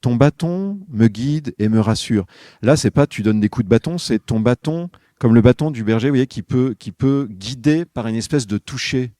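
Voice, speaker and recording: A man's voice: mid-range voice, moderate pace, hardly any pauses, warm tone, no echo, studio quality. A man giving a reflective spoken homily for a podcast, talking with listeners directly in a conversational way. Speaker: podcast speaker on spiritual life.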